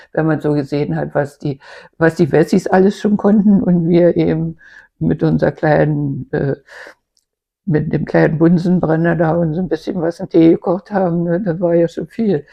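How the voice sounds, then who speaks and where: Grandmother, 80s, from East Germany. Creaky voice, casual halting reminiscence. Muffled home recording. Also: sits low. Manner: halting, searching for words. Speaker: grandmother recounting her life.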